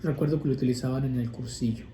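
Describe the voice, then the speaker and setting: A male priest preaches about prayer in a loose, chatty way, circling back with restarts and asides. His voice is deeply mellow and warm, sitting at an ordinary pitch. The sound carries an echoey room with a faint hum of ambience behind it. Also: steady tone, fast talker. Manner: conversational, rambling with restarts and asides. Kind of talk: informal sermon on prayer.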